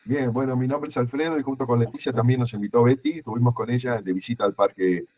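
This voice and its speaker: Fast-talking man on muffled call. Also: mid-range voice, fairly even intonation, a little mellow. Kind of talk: casual self-introduction. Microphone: video call. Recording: muffled video call audio.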